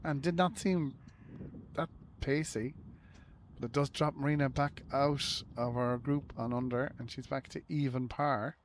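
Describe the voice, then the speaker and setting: An Irish man commentating live on golf in a casual, low-key way, with short shot descriptions and chatty asides. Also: fairly even intonation, a little slow, slight background noise.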